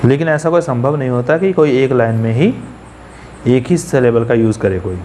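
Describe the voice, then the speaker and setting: An English teacher lectures his class on poetry, repeating key terms and asking the students questions. His voice is medium-pitched and dark-toned at a moderate pace, with a little hiss or hum in the recording.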